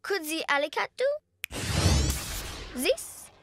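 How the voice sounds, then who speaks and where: Girl posing as a French cat, woman voicing: slow, hammy fake French accent, high pitch. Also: noisy background. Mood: romantic. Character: young girl faking a suave French tomcat.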